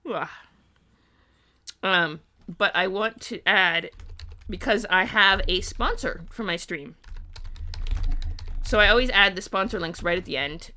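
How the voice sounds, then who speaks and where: A woman chats on her live stream, rambling through her thoughts with frequent ums and uhs. Her voice is bright and clear, though she sounds worn out and sleepy. She talks casually and easily into a streaming mic. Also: medium pitch, measured pace, pauses often. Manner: rambling, many ums and uhs, thinking aloud. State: tired, sleepy.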